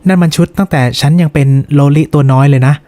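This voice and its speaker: A man's voice: on the high side, fast talker, warm tone, close to an everyday voice. A man voicing a proud, noble young woman, haughty in tone.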